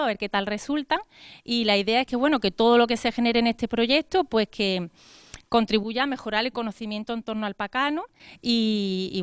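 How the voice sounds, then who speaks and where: Clear-voiced woman introducing a seminar. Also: mid-range voice, no echo, clean studio sound. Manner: informal, chatty, with filler words. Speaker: event organizer. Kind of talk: presenting a technical seminar.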